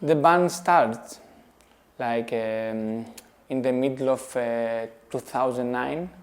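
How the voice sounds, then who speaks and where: A man's voice: medium pitch, slow pace. A man from Greece, a drummer who speaks hesitantly and searches for words in a documentary interview.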